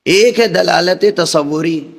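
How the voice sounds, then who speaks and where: A man's voice: high-pitched, gravelly. A middle-aged man, a religious scholar, delivering an explanatory sermon and often checking with the audience through rhetorical questions. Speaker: religious scholar giving a majlis.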